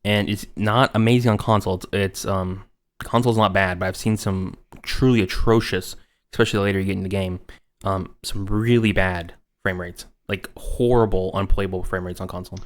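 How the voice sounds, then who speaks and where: A man's voice: deep voice, fairly even intonation. A man co-hosting a gaming podcast in casual chat, joking and mocking others with quoted voices. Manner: quick, joking, mocks others with put-on quotes. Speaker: podcast co-host.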